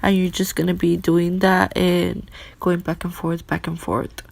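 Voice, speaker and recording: A woman's voice: on the low side, level tone, measured pace, creaky, no room sound. A young woman casually narrating a makeup tutorial as a beauty vlogger, speaking with her mouth held slightly open around braces.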